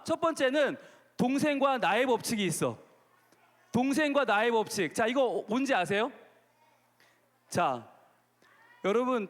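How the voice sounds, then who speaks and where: A man's voice: extremely high pitch, fairly bright tone. A man preaching a playful children's sermon who keeps asking the kids questions. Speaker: pastor. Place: large gymnasium. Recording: long reverb of a gymnasium hall.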